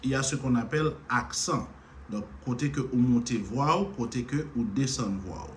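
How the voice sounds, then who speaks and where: A Haitian man whose first language is Haitian Creole teaches English grammar in a slow, patient lesson, repeating words to stress their syllables. His voice is mid-range at a moderate pace, with a little hiss or hum.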